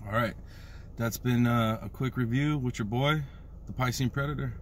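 An American man in his thirties talking with a lip full of dip in a casual, slangy review vlog, drawing out hyped catchphrases. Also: mid-range voice. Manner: slangy, drawn-out hype catchphrases. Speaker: product reviewer. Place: inside a parked car. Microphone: phone at arm's length. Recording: noticeable background noise inside a car.

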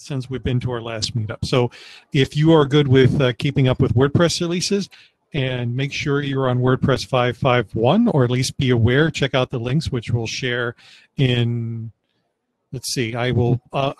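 A man organizing a web developer meetup, presenting news over a video call in a relaxed, rambling way with fillers and restarts. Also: medium pitch, dry recording, low-quality recording. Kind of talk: casual online meetup presentation.

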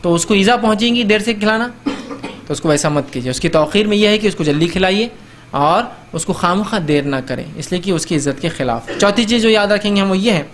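A man's voice: high voice, lively intonation, a little fast, a little hiss or hum. A man giving a religious lecture on etiquette, talking conversationally, acting out little host-and-guest exchanges and often checking in with his listeners.

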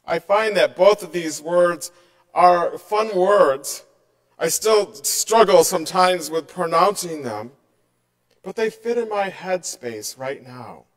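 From behind a church pulpit, a middle-aged pastor delivers a sermon in a slow, measured and earnest manner. His voice sits a little high for a man and softens, dropping gently at the end of each line.

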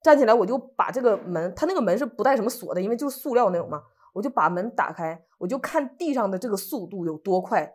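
A woman's voice: medium pitch, fast talker, few pauses. A woman co-host from Northeast China telling a personal story in casual chat, acting out what people said. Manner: animated, acts out what people said.

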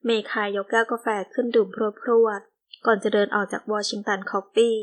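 A woman's voice: mid-range voice, steady tone, normal speed. Woman narrating a novel steadily. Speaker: audiobook narrator. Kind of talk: scripted narration.

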